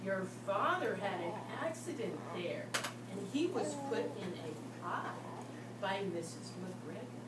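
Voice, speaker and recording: A woman's voice: mid-range voice, sing-song, slow. A woman reading to a toddler, voicing an old mother rabbit in a storybook who carefully warns her young. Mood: gentle warning. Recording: roomy, distant mic, loud background noise.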